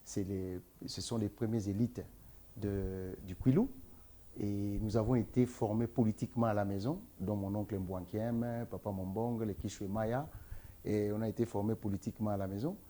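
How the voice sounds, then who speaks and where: A man's voice: on the low side, fairly even intonation, moderate pace, warm tone. A man from the Democratic Republic of the Congo, answering interview questions as a guest, earnest and emphatic. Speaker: interview guest, entrepreneur and author.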